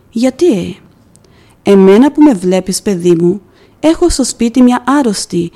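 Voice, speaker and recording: A woman's voice: medium pitch, lightly acted. A woman reading as a kindly fatherly woodcutter. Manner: gentle, earnest pleading. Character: kindly middle-aged male woodcutter, fatherly.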